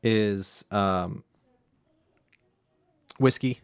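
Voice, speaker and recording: A man's voice: fairly low pitch, drawn-out words, smooth, no room sound, studio quality. A man hosting a casual chat, explaining a drink recipe with plenty of fillers and restarts. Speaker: home bartender host.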